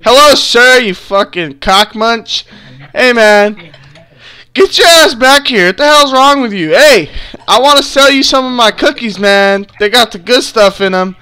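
A man voicing a rude, aggressive male suspect in online game role-play, loud and swearing. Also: very high-pitched, lively intonation, measured pace, clear, resonant tone, pitched above the performer's own voice, heavily acted. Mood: taunting.

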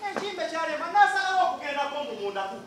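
A woman's voice: high-pitched, big pitch swings, racing, heavy background noise. A woman leading a poetry recitation in a large church hall, declaiming in a scolding, preaching tone. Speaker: lead poetry performer. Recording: echoey hall, mic far off.

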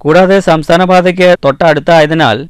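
A male reporter reads a scripted regional news voice-over with a Kerala Malayalam accent. His tone is strikingly smooth and clear, a little high for a man, and the recording is close and dry. He keeps a measured, formal pace and lets his pitch fall at each sign-off. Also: steady tone, no echo. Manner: measured formal reading, drops at sign-offs.

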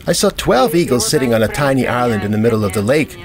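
A man voices an English dub over documentary footage, talking in a plain conversational way. His pitch sits mid-range for a man, but his intonation rises and falls a lot. A busy layer of other voices murmurs underneath him. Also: expressive, quick pace, a crowd in the background. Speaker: voice-over dubber.

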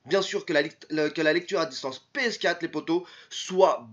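A man's voice: a little high, moderate pace, fairly bright tone, lo-fi sound. A young man with a French accent, walking viewers through a casual screen-recorded tutorial in a chatty, repetitive, rambling way. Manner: chatty, repetitive, keeps saying "les potos"; rambling, with many restarts and "hop". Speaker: tutorial youtuber.

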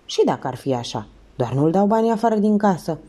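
A woman voicing a suspicious, gossipy female concierge who answers quickly and defensively. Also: medium pitch, very animated, dark tone, voice pushed up. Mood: indignant.

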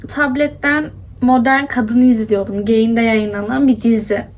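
In a casual daily vlog that starts at home and moves outside into hot streets, a young woman from Adana, Turkey, complains and laughs along the way. She speaks at a measured pace in a highish voice with fairly even intonation.

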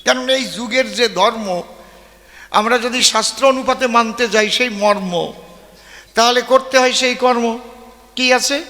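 A man's voice: extremely high pitch, measured pace, pauses often, pushed and bright. A male folk poet-singer giving a rhetorical stage speech on an open-air stage, often throwing questions at the audience. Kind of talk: stage debate speech with rhymes and verses. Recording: long hall-like reverb.

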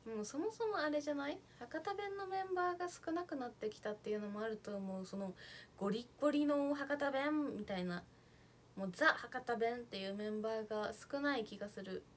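A woman's voice: a little high, brisk, slight background noise. Chatty young woman livestreaming. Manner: chatty, reads viewer comments aloud. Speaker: idol livestreamer. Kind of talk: casual livestream chat.

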